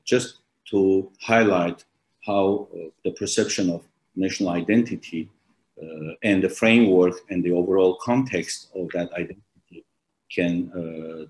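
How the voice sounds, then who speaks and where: Deep-voiced man with halting, hesitant delivery. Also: darkish tone, rough recording. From Armenia. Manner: hesitant, halting, many restarts and ums. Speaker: author presenting his book. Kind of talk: formal presentation with frequent fillers. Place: small office with plain wall. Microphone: laptop webcam on a video call.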